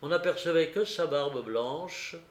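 A man reading a classic novel aloud in a slow, measured narration, lifting his voice for quoted shouts. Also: a little high, roomy sound. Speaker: audiobook reader. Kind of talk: literary narration.

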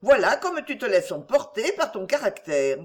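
A woman voicing a calm, phlegmatic middle-aged mother who speaks in a composed way. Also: mid-range voice, moderate pace, natural voice. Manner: composed, unruffled.

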